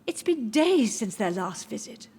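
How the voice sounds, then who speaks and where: An actress playing a frail, confused elderly mother who speaks tenderly and dreamily, with soft music behind her. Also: a little high, very animated, a little slow, a little hiss or hum. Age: older. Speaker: game character. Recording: game audio with soft music.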